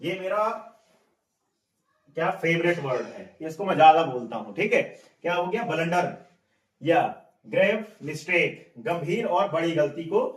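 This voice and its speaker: A man's voice: on the high side, expressive, unhurried. A man teaching a spoken English lesson, repeating words and quizzing his listeners as he goes. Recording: echoey room, mic at a distance.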